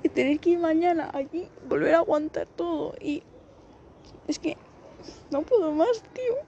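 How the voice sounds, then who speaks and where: Tearful young Spanish woman, halting. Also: very high voice, expressive, warm tone, lo-fi sound, a little hiss or hum. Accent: Spain Spanish. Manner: halting, repeats and restarts her phrases. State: close to tears. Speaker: vlogger. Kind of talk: personal confessional monologue. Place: outdoors, people passing by.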